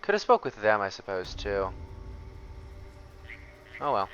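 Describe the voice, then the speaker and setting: Bright, animated male gaming commentator. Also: lowish voice, unhurried, lo-fi sound, slight background noise. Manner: thinks aloud, reacts expressively. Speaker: gaming streamer. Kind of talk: casual let's play commentary.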